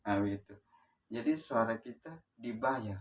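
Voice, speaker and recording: A man from Sumba in eastern Indonesia tells his own life story, speaking haltingly with frequent pauses and restarts. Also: medium pitch, far from the mic. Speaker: motivational speaker. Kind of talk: personal life story told to camera.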